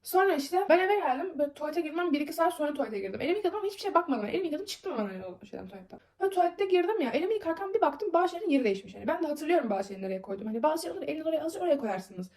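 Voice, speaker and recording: A young woman talks straight to the camera in a casual storytime vlog. Her voice sits high and she races through the telling, rambling and packing in fillers. She sounds upset and keeps venting. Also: sing-song, rapid-fire, few pauses, darkish tone.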